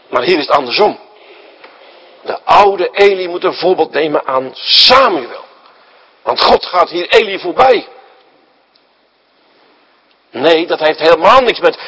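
On a rough recording, a male preacher with a high, breathy-edged voice delivers a sermon to his congregation. He dramatizes the story, throws out rhetorical questions, and shifts between loud emphasis and quiet asides.

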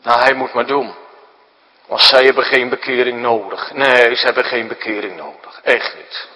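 A man preaching a sermon, explaining things to children, jumping high for emphasis and sinking to a hushed whisper. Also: steady tone, normal speed, big-room sound, low-quality recording. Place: church.

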